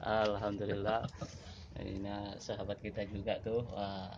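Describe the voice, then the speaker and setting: A man's voice: lowish voice, monotone, unhurried. A middle-aged man chatting casually to his phone as a vlogger, repeating phrases and exclaiming often. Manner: repeats phrases, many exclamations and religious thanks. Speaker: vlogger hosting a lunch video. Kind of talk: casual selfie vlog chat. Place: small indoor room. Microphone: phone at arm's length. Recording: muffled, noisy handheld phone recording.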